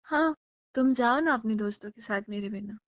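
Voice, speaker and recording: A woman plays a clingy, jealous young girlfriend, arguing in a fairly high voice at a moderate pace close to everyday speech. She sounds sulky, insistent and pleading, annoyed and even threatening, in a casual romantic drama staged as a call. The audio is slightly dull and lo-fi, like a phone line.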